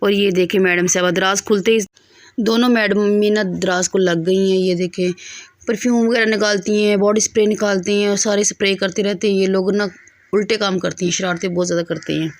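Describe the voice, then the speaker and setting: Young mother vlogger, woman, hoarse throat, warm chatty address to camera, dry close sound. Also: medium pitch, steady tone, a little fast, dry recording. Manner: chatty, affectionate, talks to camera. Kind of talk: casual home vlog narration. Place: family home indoors.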